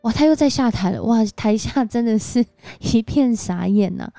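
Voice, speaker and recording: A woman giving a devotional sermon, telling a story in a lively way with frequent exclamations. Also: a little high, normal speed, creaky, dry recording, studio quality. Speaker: church speaker. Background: faint background music.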